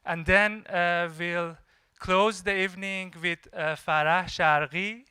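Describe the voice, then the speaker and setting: A man hosting a live event and introducing speakers in a halting, hesitant way with pauses. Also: high voice, fairly even intonation, sharp tone, clean tone, no echo, clean studio sound.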